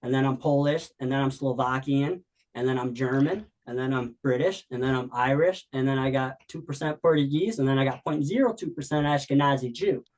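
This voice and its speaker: A man's voice: medium pitch, a little fast, few pauses, a little mellow, low-quality recording. A young man hosting a podcast, talkative and enthusiastic, full of "like"s. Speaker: podcast host. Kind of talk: casual chat.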